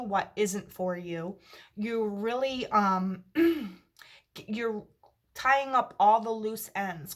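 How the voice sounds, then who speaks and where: Woman giving a tarot reading, slightly creaky. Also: medium pitch, fairly bright tone. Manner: reassuring, checks in with "okay?". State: voice wearing out after a long day. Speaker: tarot reader. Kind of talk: monthly tarot reading to camera.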